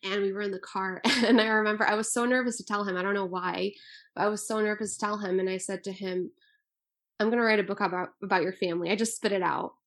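Talking fast in a steady, mid-range voice, a woman in her twenties who was born in Albania gives earnest, thoughtful interview answers as an author.

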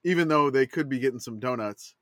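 A man's voice: medium pitch, fast, fairly bright tone, dry recording, studio quality. A man co-hosting a casual sports chat, recording from inside a closet and reacting eagerly. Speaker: podcast co-host.

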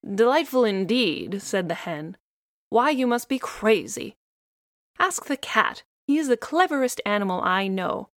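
A woman's voice: mid-range voice, big pitch swings, measured pace, fairly bright tone, no room sound, studio quality. A woman voicing a haughty, self-important hen who scolds and lectures in a storybook reading. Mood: lecturing.

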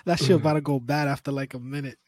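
A podcast co-host teasing his friends in excitable, slangy banter. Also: mid-range voice, fast. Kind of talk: casual chat.

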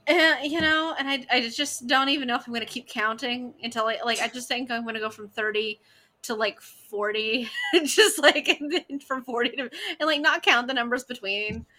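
A woman's voice: a little high, normal speed, pushed and bright. A woman in her thirties chatting casually with friends, rambling with lots of fillers and laughter. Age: 30s. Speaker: dungeon master. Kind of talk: casual chat among friends.

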